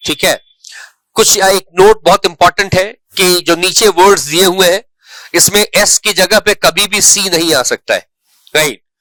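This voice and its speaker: A man's voice: sits high, sharp tone, no room sound. A man giving an online English spelling lesson, repeating example words and checking in often. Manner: explains slowly, repeats words, checks in with "right". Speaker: English teacher.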